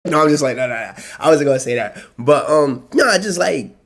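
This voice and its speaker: A man's voice: on the high side, expressive, brisk, a bit bright. Rambling young man vlogging casually. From United States. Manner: rambling, loose, slangy, lots of fillers. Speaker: YouTube vlogger. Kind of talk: casual solo talk to camera.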